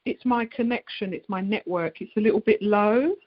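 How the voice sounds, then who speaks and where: A woman calling in by phone on a weak, crackly line that fades in and out, asking halting questions. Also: mid-range voice. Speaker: caller. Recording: muffled phone-line sound.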